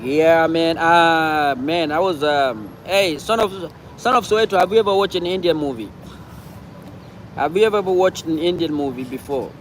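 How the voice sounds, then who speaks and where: A man's voice: on the high side, normal speed, slight background noise. A man from Cameroon, hosting a casual livestream and talking back to viewer comments, often repeating himself. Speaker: livestream host.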